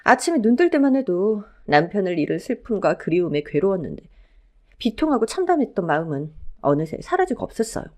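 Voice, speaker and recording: A woman narrating a dramatic story in the first person as a widow, in an expressive, scripted storytelling manner. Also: mid-range voice, fairly quick.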